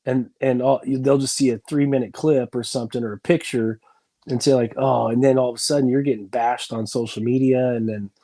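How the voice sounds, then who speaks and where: A man's voice: medium pitch, steady tone, a little fast, warm tone, no echo. A man in his forties, a football coach, talking in a rambling, frank, folksy way in a casual reunion chat.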